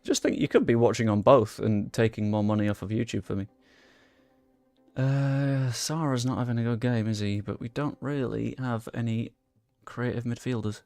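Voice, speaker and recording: A young gaming YouTuber talks casually to his audience while playing a football management game, cursing under his breath. His medium-pitched voice is darkish, with fairly even intonation, normal speed, and no echo. It's a dry close-mic recording with game music in the background.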